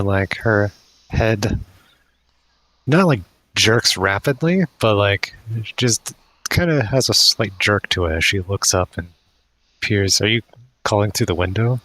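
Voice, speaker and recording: A man's voice: lowish voice, fairly bright tone, low-quality recording. A man narrating as dungeon master in a tabletop game, hesitant with many restarts.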